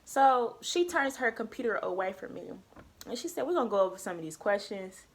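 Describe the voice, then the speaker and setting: A young woman tells a story to camera in relaxed, slangy chat. She is animated and acts out the people she quotes, her voice swinging between high and low. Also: brisk. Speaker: vlogger.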